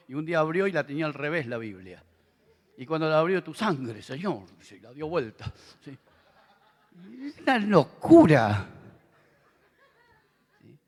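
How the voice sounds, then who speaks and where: Argentine guy preaching, talks to the crowd like a chat, a bit high voice, big echoey hall. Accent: Argentine Spanish. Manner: conversational preaching, animated with asides to the audience. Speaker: pastor. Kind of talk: sermon. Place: large convention hall. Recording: long reverb of a big hall.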